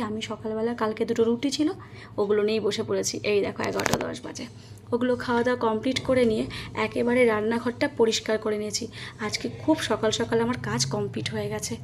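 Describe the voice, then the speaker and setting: Against a noisy background, a woman with a slightly high voice narrates her daily housework for a casual home vlog. Chatty and direct, she speaks to her viewers while doing chores in the kitchen and on the rooftop.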